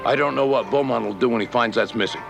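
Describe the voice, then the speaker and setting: A man's voice: medium pitch, quick pace, vocal fry, music in the background, natural voice. An older man playing a dry, laconic ninja master. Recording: dull lo-fi TV audio.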